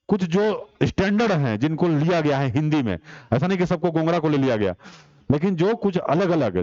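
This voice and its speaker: A man's voice: fairly high pitch, darkish tone, no echo, highs cut off. A man teaching an online exam-prep class, explaining step by step and putting rhetorical questions to the class.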